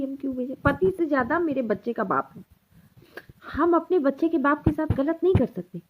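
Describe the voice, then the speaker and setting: A woman's voice: high-pitched, slight background noise. A woman vlogger giving an earnest personal account straight to her viewers and insisting she is telling the truth. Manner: earnest, insistent, speaks directly to listeners. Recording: tinny phone-like sound.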